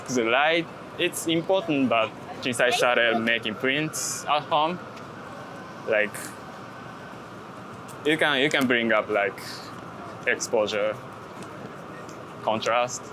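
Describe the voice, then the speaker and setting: A man talks about his photography during a casual walking interview, his second-language English halting, full of fillers, pauses and restarts. His pitch is an ordinary middle range, and city traffic noise is plainly audible around him.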